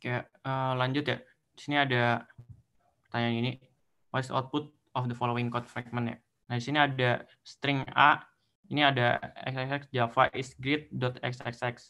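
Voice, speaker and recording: A man's voice: medium pitch, little pitch movement, moderate pace, bright, forceful tone. A young man teaching assistant explaining code step by step in an online tutorial. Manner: explains step by step, counting through indexes.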